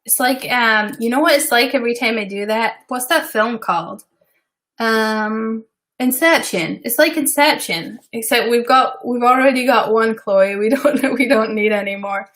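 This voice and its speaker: A woman's voice: fairly high pitch, a little slow, fairly bright tone. Chatty Scottish woman designer. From Scotland. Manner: chatty and rambling, with frequent fillers and asides. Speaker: web designer hosting a live stream. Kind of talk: casual live-stream work session.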